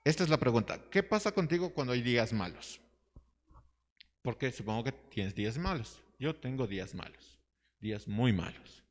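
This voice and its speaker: A man leads a Bible study sermon, reading passages aloud and stopping to ask his listeners questions. His voice sits at an ordinary pitch. The sound carries a long reverb from a large hall. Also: lively intonation, normal speed. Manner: reads scripture aloud and asks the class questions. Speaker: Bible teacher.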